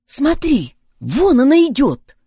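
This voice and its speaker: A woman's voice: fairly high pitch, huge pitch swings, moderate pace, darkish tone, no room sound, studio quality. A woman doing an anxious, cautious boy. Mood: urgent.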